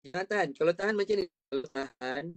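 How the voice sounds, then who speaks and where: A male Quran recitation teacher with a Malaysian Malay accent, speaking over a video call in an online class. His voice sits a little high for a man. He patiently sounds out syllables and has the student repeat them. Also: animated, fast.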